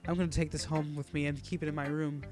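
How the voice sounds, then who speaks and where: A man's voice: on the high side, level tone, fast, close to an everyday voice. A man reading aloud as a shy, obsessive young woman in a visual novel, with music behind. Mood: adoring.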